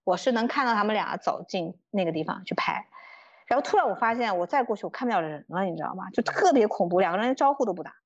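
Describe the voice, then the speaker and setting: A young woman guest on a podcast, telling stories in an animated, casual way, swearing freely and acting out quotes. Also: medium pitch, fast talker, no echo. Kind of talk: casual storytelling chat. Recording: dull lo-fi dry sound.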